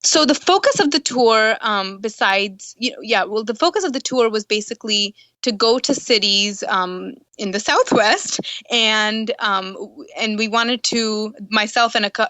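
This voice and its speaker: Young activist woman chatting on a podcast, laughs easily, says um a lot, bright tone. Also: mid-range voice, no echo. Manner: friendly, giggly, many ums. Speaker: activist guest. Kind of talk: podcast interview.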